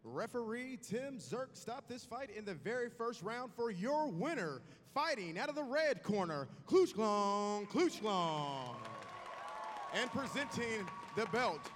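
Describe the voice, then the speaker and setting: A man's voice: high-pitched, big pitch swings, slow pace, slight background noise. A man announcing the result in the ring with a projected, formal announcer cadence. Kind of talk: arena announcing. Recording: echoey arena from a distance.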